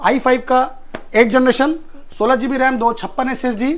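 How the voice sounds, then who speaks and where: A man giving a hard-sell shop pitch, emphatically listing specs and bargain prices. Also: steady tone, moderate pace. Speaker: laptop shop salesman. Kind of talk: hard-sell sales pitch on a market vlog.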